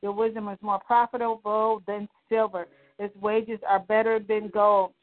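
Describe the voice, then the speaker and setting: A woman's voice: mid-range voice, little pitch movement, normal speed. A woman leading a congregational prayer, speaking in fervent, rhythmic repeated declarations. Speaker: prayer leader. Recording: tinny phone-line sound.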